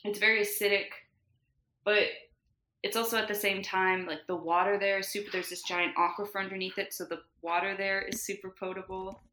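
A woman's voice: mid-range voice, little pitch movement, a little fast, pushed and bright. A woman from New Jersey, a podcast guest, explaining eagerly in casual chat and leaning on "like" fillers. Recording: roomy echo.

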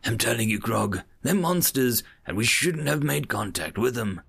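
A man's voice: mid-range voice, expressive, moderate pace, creaky, fairly bright tone, slightly rough, exaggerated voice. A man voicing a nervous male insectoid alien crewman who talks in an anxious, pleading way. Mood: uneasy.

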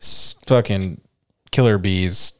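A man's voice: deep voice, takes it slowly, clear, resonant tone. A young man co-hosting a casual podcast, blunt and emphatic, swearing heavily. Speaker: podcast co-host. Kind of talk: casual chat.

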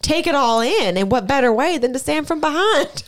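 A woman's voice: high-pitched, animated, normal speed, background noise. A woman co-hosting a casual podcast, talking frankly and laughing often. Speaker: podcast co-host. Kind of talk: casual explicit chat.

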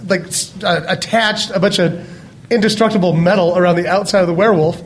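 A man chatting casually and comically, telling stories in an excitable, profane way. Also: high voice, fairly quick, slight background noise. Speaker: panelist.

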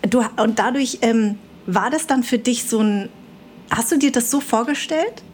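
A woman's voice: fairly high pitch, moderate pace, a little mellow, slight background noise. A woman hosting a podcast, chatting casually and encouraging her guest with frequent short affirmations. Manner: engaged listener, frequent affirming interjections. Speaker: podcast host. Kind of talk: casual interview chat.

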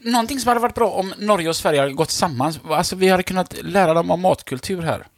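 A man's voice: high-pitched, no echo, clean studio sound. A man from Sweden hosting a casual radio chat, telling jokes and stories and laughing at his own punchlines. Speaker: radio host.

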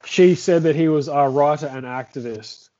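A man co-hosting a podcast in relaxed, casual chat. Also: on the high side, normal speed, lo-fi sound. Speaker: podcast co-host.

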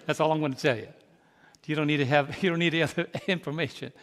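A pastor in his fifties with a high voice delivers a sermon to his congregation, throwing out questions for them to answer. His intonation is fairly even as he moves from slow, soft reflection into loud, rising exhortation. The long reverb of a large hall surrounds his words.

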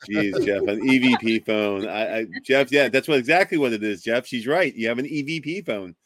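An excitable man who stammers and repeats himself as he co-hosts a casual radio chat. His voice is recorded dry and close. He sits at a middling pitch for a man. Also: normal speed, no echo. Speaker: co-host.

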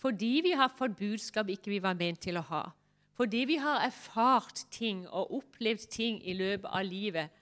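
A woman pastor preaches a heartfelt sermon in church and shares a personal testimony, speaking intimately and often sinking to a soft near-whisper. Her voice is mid-range with lively intonation.

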